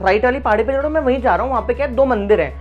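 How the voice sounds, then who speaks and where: A man's voice: very high voice, very fast, muffled recording, faint music behind, pitched above the performer's own voice. A man voicing a young local who earnestly and urgently insists on a safer path. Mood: insistent.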